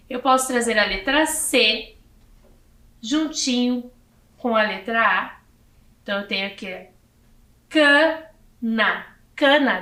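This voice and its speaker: A woman from Brazil teaching young children in a video lesson, slowly counting letters and syllables aloud. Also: fairly high pitch, bright, forceful tone, reverberant.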